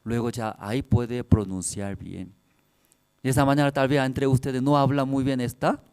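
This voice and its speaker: A man's voice: medium pitch, fairly even intonation, normal speed, darkish tone, clear, resonant tone. A man preaching a sermon, telling personal stories in simple, broken Spanish with frequent laughter. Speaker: pastor.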